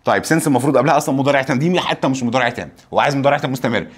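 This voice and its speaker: A young Egyptian man teaches a review lesson in a husky, slightly breathy voice at a middle pitch. He reads the English examples slowly and drops playful teasing remarks between the explanations. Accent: Egyptian Arabic. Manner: joking, teasing asides to students.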